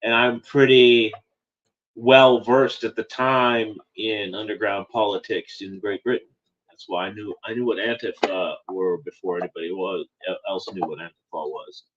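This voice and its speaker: Rambling low-voiced man, lo-fi audio. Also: little pitch movement, normal speed, fairly bright tone. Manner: rambling, repeats phrases, frequent "you know". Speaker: political commentator. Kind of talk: casual spoken monologue.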